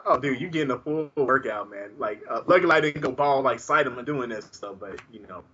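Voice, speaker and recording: A man's voice: medium pitch, lively intonation, fairly quick, a bit bright, lo-fi sound. A man with a Southern US accent chatting casually like a folksy good ol' boy, slangy, joking and bawdy. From American South. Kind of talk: casual group chat.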